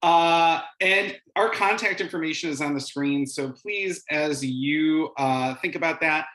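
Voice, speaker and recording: A middle-aged man giving an informal webinar presentation as an instructional coach, with hesitant phrasing and frequent pauses. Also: a little high, pushed and bright. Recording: roomy, echoing sound.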